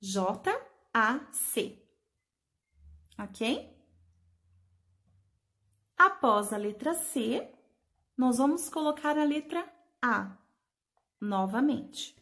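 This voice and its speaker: Preschool teacher, woman, slow and patient, a touch high, spells out each letter. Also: expressive, a bit bright. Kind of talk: slow remote lesson for young children.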